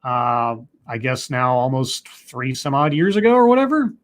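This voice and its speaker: A man's voice: mid-range voice, very animated, moderate pace. A young man hosting a livestream Q&A, chatting casually and rambling as he answers viewer comments with self-deprecating jokes. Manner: rambling and self-deprecating, with frequent restarts and laughs.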